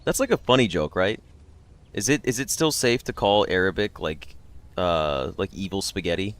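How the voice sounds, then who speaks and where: The livestream host's low-pitched voice has lively intonation and a normal speed as he chats loosely with viewers, wandering between jokes and slang.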